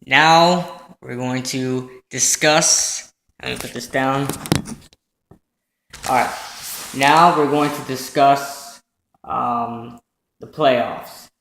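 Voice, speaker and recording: Young male home vlogger, halting and filler-heavy, mid-pitched, echoey room sound. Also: fairly even intonation, creaky, a bit bright, slight background noise. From New York, raised in Pennsylvania. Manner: halting, many ums and self-corrections. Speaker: football vlogger recapping playoffs. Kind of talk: casual solo commentary from notes.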